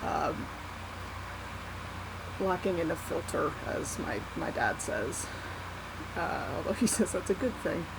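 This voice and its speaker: A young adult vlogger speaking in a halting, candid, self-deprecating way in a casual unscripted confessional. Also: mid-range voice, very animated, vocal fry. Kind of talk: casual unscripted confessional vlog, one take. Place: small warm bedroom at night. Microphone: laptop built-in mic. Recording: laptop mic with loud fan noise. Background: whirring fan.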